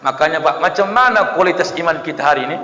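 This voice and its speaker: Lively high-voiced preacher in an echoing mosque. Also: male voice, fast, slight background noise. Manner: lively, acts out voices of villagers, jokes with the audience. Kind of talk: humorous sermon to a congregation. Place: mosque hall. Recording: echoey hall with long reverb.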